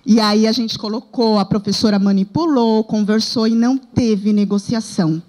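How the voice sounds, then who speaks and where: A woman's voice: a little high, steady tone, normal speed, a little mellow, low-quality recording. A woman with a Brazilian Portuguese accent, a daycare director, earnestly recounting a classroom experience during a training session. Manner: earnest storytelling, reenacting dialogue.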